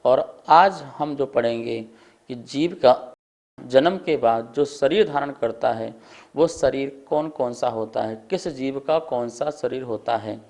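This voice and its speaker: A man teaching a scripture lesson at a board, slowly and deliberately drilling the pronunciation of each word. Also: mid-range voice, a little mellow. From India.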